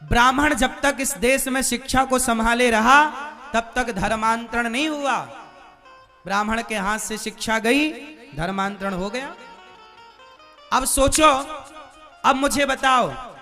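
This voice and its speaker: A man's voice: very high voice, slow pace, pauses often, bright, forceful tone, faint music behind. A man preaching a devotional discourse to a live audience, throwing rhetorical yes-or-no questions at the crowd. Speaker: religious preacher.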